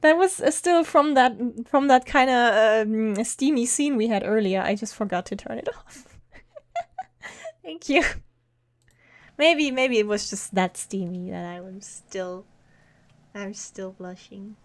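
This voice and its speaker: A woman's voice: fairly high pitch, a little slow. A woman streaming a video game, chatting casually with viewers, giggling often and talking to her cat. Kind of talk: casual live-stream chat while gaming.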